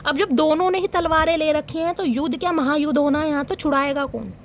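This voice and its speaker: A young woman with a high voice gives a dramatic, animated tarot reading and talks straight to her viewers. A faint hiss of noise sits under her voice. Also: fast talker. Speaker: tarot reader.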